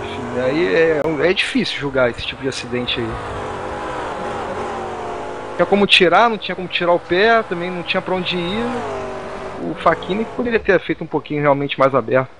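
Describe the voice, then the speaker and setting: A man's voice: a little high, fairly quick. A Brazilian man co-commentating a motor race with conversational analysis. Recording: noisy, buzzing engines behind.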